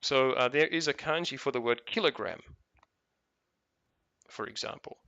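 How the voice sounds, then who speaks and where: A man's voice: mid-range voice, normal speed, creaky, pushed and bright, dry recording, dull audio. A man with a New Zealand accent chatting casually while playing a game, rambling with lots of fillers and restarts. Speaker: gaming video host.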